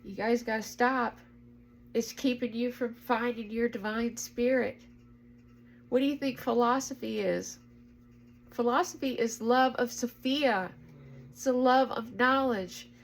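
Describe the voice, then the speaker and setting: A woman's voice: fairly high pitch, fairly even intonation, a little slow, slight background noise, rough recording. A woman talking in an earnest, emotional way in a spiritual vlog, urging her listeners to act. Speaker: spiritual vlogger. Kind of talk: heartfelt spiritual vlog talk.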